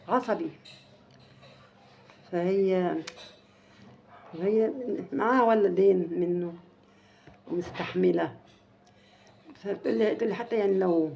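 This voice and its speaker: A soft-voiced woman with an Egyptian accent, telling a story to her viewers in a halting way with many restarts. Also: on the low side, creaky, lo-fi sound, a little hiss or hum. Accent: Egyptian Arabic. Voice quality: naturally soft, quiet voice. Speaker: family channel vlogger.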